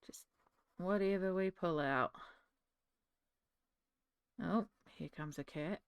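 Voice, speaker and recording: Chatty woman with a low, dry voice. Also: slow, clean tone, no room sound. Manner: chatty, narrates each step while working; talks one-handed with a cat in her lap. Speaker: art channel host. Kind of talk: casual narration while colouring. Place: home art desk. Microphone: desk microphone.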